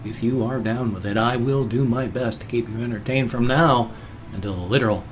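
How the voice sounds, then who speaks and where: A man's voice: medium pitch, a little fast, soft background music. A man in his fifties chatting in a casual vlog, rambling, earnest and self-deprecating, talking with his hands as he sits. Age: 50s. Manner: talks with his hands while seated. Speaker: vlogger.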